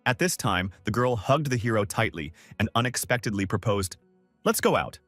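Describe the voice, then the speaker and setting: A man narrating a comic recap in a steady, scripted storytelling read. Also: fairly low pitch, brisk, no echo, soft background music.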